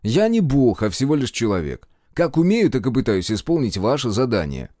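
A man's voice: mid-range voice, very animated, moderate pace, mellow, no echo, studio quality, natural voice. A male audiobook reader voicing a cheeky young man who answers earnestly and a little insolently. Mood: defiant. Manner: earnest, defensive, casual. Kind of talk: audiobook character voice.

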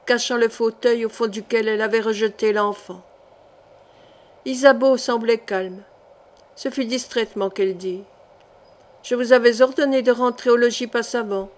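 A woman reading a historical novel aloud in an expressive, dramatic narrating voice. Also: a little high. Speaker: audiobook narrator.

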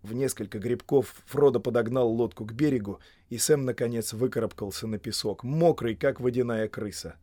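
A man narrating a fantasy audiobook in a measured, steady storytelling manner. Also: medium pitch, dry recording, studio quality.

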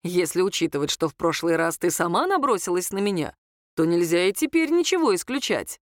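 A woman's voice: very animated, brisk, no room sound, studio quality. Woman voicing a cocky, teasing young man. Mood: playful. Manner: low purring teasing delivery.

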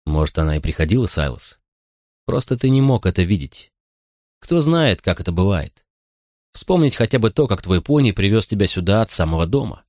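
An audiobook reader voicing a gentle, bewildered grown man who earnestly insists he doesn't know the answers. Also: fairly low pitch, lively intonation, moderate pace, no echo, studio quality. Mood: tender.

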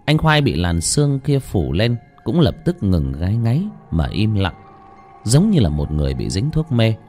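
Male horror narrator: low, dramatic, suspenseful, very expressive. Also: moderate pace. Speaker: storyteller. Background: faint music.

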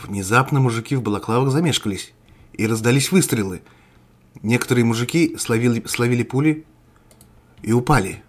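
A man narrating a dramatic story in a measured way. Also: mid-range voice.

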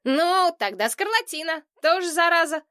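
A woman's voice: very high voice, lively intonation, normal speed, pushed and bright, no room sound, clean studio sound, pitched above the performer's own voice, full character voice. A woman voicing a cheeky, teasing young boy who mocks his friends in a sing-song way. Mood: mocking. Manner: mocking, sing-song rhymes.

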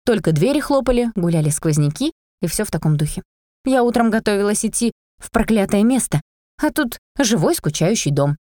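A woman reads a first-person fantasy audiobook in a lively, expressive way. Her voice sits at a middle pitch, and the recording is dry and close, with no room sound. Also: a little fast, no echo. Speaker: audiobook reader.

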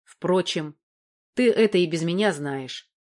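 A woman reading a calm, fatherly older man. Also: lowish voice. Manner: measured, gently reassuring.

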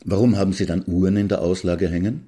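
A man's voice: sits low, fairly even intonation, quick pace, mellow, breathy edge. A man voicing a polite male traveler who asks puzzled questions.

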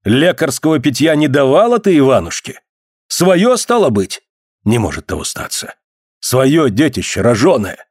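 A man's voice: mid-range voice, sing-song, normal speed, slightly rough, dry recording, studio quality. A man reading the part of a proud old-Russian boyar in an audiobook, speaking in a grave, archaic, indignant way. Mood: shocked. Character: proud, angry middle-aged old-Russian boyar lord.

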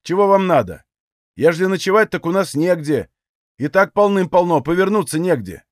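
A man's voice: high-pitched, expressive, normal speed, no echo, clean studio sound, voice pushed up. Man voicing a meek elderly Cossack host. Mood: timid.

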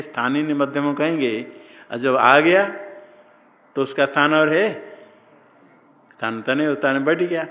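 A man teaching Sanskrit grammar in a slow classroom lecture, posing questions and answering them himself. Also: on the high side, fairly bright tone. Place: ashram classroom. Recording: long hall reverb.

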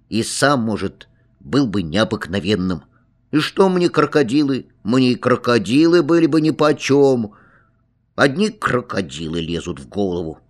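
A man reading a children's story aloud in the first person, with a wistful, dreamy delivery. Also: lowish voice. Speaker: reader.

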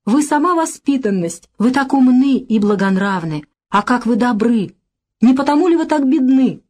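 Audiobook: excitable sharp-tongued young sister, read by a woman, high and abrupt. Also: a little fast. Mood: mocking, furious. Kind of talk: audiobook reading.

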